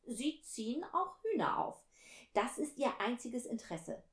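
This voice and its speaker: A woman voicing a wise, gentle male fox who longs for a friend, reading slowly and wistfully in a storybook. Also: a little high, expressive, pitched above the performer's own voice. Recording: roomy echo.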